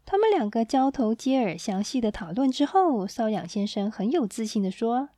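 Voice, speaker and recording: Woman reading a children's story, mellow tone. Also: on the high side, normal speed, no room sound, clean studio sound. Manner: gentle, expressive reading to children.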